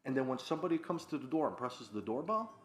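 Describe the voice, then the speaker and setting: A man hosting a podcast, delivering a loud, profane, comedic rant about everyday annoyances. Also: mid-range voice, fast. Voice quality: loud, animated, frequent swearing. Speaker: podcast host. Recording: echoey room with faint guitar music.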